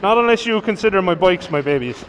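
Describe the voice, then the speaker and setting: A man's voice: sits high, animated, fast, a bit bright. An Irish man chatting casually and jokingly outdoors, often mock-serious, as a motovlogger. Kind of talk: casual chat while walking. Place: outdoors on a woodland path. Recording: distant mic, outdoor background noise.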